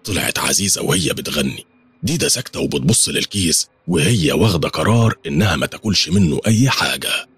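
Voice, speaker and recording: A man with an Egyptian accent narrating a horror story in a lively, dramatic way. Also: rumbling low, quick pace, slight background noise. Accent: Egyptian Arabic.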